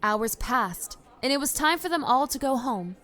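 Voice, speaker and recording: A woman's voice: high-pitched, lively intonation, normal speed, a bit bright. A woman narrating a story in a plain, matter-of-fact reading. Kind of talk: scripted narration.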